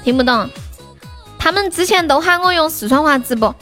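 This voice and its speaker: A young woman from Sichuan with a high, bright voice chats casually to her livestream viewers. She is playful and giggly, breaking into yelps while she games. Faint music plays softly behind her. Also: lively intonation, a little fast. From Sichuan, China. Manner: playful, giggly, yelps and shrieks mid-game.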